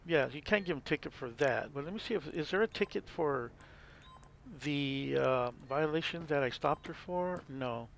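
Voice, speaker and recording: Gravelly man narrating his gameplay. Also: fairly high pitch, slight background noise. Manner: relaxed, rambling, explains as he plays. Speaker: gameplay video host. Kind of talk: casual game commentary.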